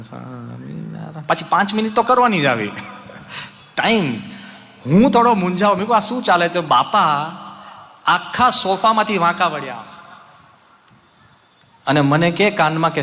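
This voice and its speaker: Gujarati-accented monk, lively storyteller, bright tense voice, slightly high, long hall echo. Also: male voice, slight background noise. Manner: animated storyteller, acting out voices and chants. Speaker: monk giving a religious discourse. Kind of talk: storytelling sermon.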